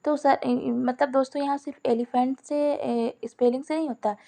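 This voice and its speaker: Woman teaching grammar, slightly high voice. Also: steady tone, moderate pace, vocal fry, dark tone. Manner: explains step by step, repeats examples, asks and answers own questions; addresses viewers as friends. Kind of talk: Hindi-language grammar lesson.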